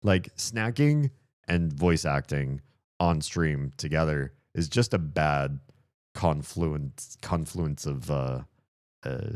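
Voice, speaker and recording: A man's voice: a bass voice, expressive, slow pace, no echo, studio quality. A man streaming a game, chatting casually in rambling, self-deprecating asides. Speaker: streamer voicing game characters.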